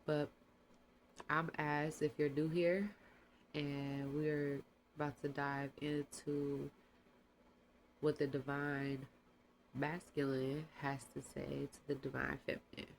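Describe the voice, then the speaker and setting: A tarot reader hosting a casual channel reading, talking in a relaxed, rambling, slangy way with a congested voice. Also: medium pitch, slow pace, vocal fry, long pauses.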